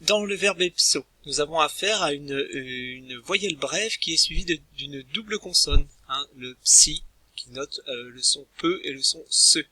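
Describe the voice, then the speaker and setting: A man teaching a recorded language lesson, speaking in a hesitant way with frequent pauses and restarts. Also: on the high side, lively intonation, pushed and bright, slightly rough, no echo. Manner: hesitant, many filler sounds and restarts.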